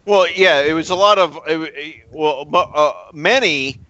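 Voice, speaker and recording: A man co-hosting a casual podcast chat, talking in halting bursts full of stammers and restarts. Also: a little high, sharp tone, lo-fi sound. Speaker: podcast co-host.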